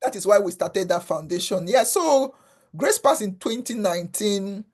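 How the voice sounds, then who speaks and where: This interview guest, a foundation founder originally from Africa, has a medium-pitched, darkish voice with lively intonation and a normal pace. She speaks earnestly in a conversational exchange, often repeating words while she finds them.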